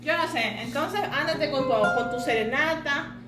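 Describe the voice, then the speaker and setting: A woman's voice: sits high, a little slow. A young woman in a comic sketch, firmly refusing and scolding her boyfriend in a small living room. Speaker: girlfriend in sketch. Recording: echoey room, live guitar. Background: guitar playing.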